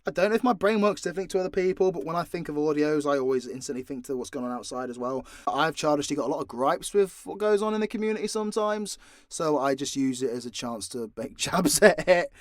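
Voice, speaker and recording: In an animated, fast, fairly high voice, a voice actor and audio creator riffs through fan questions off the cuff. He's casual and candid and swears a lot. The sound is dry and clean, studio-grade.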